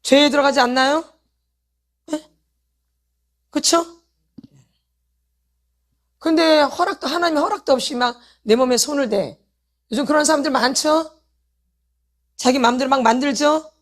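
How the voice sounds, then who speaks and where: High-pitched and unhurried, with long pauses, this pastor's wife is leading a healing meeting. In her sermon she addresses the congregation directly, repeating rhetorical questions to press them and calling for repentance.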